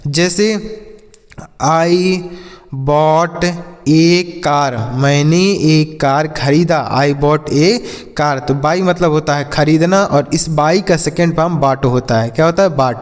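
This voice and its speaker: Male language teacher, slow and drilled, slightly high voice, long reverb around him. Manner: slow, repetitive teaching with questions to viewers. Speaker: English teacher. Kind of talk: Hindi-language English vocabulary lesson.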